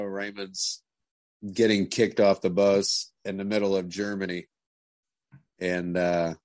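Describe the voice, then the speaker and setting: Low-voiced man telling a road story. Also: darkish tone, no room sound. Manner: rambling, swears freely, acts out quotes. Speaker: touring drum tech guest. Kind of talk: casual storytelling.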